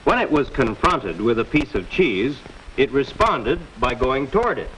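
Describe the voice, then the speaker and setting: An actor playing a patient, middle-aged male teacher, explaining calmly in a 1950s educational film. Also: medium pitch. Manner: calm, measured explaining. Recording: muffled old film soundtrack with hiss.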